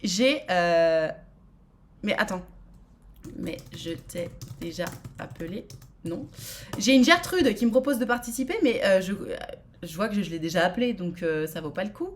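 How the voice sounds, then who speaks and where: A woman's voice: fairly low pitch, animated, normal speed, a little hiss or hum. A woman from France hosting a live-streamed speed dating show, chatting casually and playfully with many fillers.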